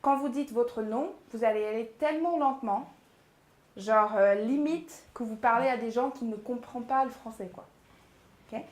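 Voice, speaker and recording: A woman coaching a public speaking workshop, lively and chatty, demonstrating pace and pauses. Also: on the high side. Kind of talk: workshop teaching. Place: agency workshop room. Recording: echoey room.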